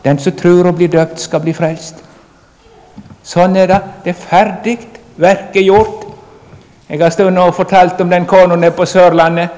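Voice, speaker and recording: A man's voice: sits high, flat delivery, darkish tone. A man preaching a sermon in a church hall, speaking earnestly and emphatically and addressing the congregation directly. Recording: long reverb of a large hall.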